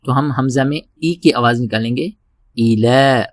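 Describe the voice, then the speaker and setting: A man teaching Quran recitation step by step, slow and patient, repeating each word and rising into long drawn-out chanted recitation. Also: medium pitch, no room sound, clean studio sound.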